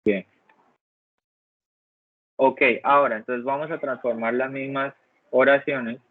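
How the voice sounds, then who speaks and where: A man's voice: mid-range voice, steady tone, slow pace, dry recording. A man teaching an English grammar lesson online, patiently explaining step by step and often checking in with the class. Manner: patient, keeps asking "¿listo?". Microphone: video call. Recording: dry, phone-like online call audio.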